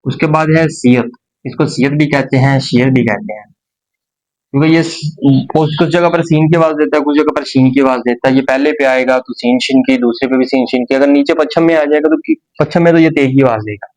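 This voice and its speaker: A man of average pitch teaching a beginner's language class. He explains step by step, slowly and patiently, pausing and repeating points as he goes. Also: darkish tone, poor audio. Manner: slow, patient explanation with pauses and repetitions. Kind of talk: explaining a lesson.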